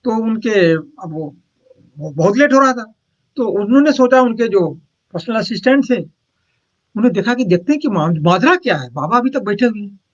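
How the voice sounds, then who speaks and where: A monk with a high, light voice tells a spiritual story in a loose, meandering way, repeating words and pausing on fillers. He keeps checking in with his listeners as he goes. The recording sounds dull and lo-fi. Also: animated. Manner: rambling, repetitive storytelling with frequent hesitations. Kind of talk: retelling a spiritual anecdote.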